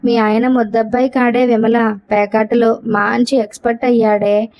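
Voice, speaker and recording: A woman's voice: a little high, little pitch movement, moderate pace, natural voice. A woman voicing a blunt, teasing older brother in a storybook reading. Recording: dull lo-fi recording.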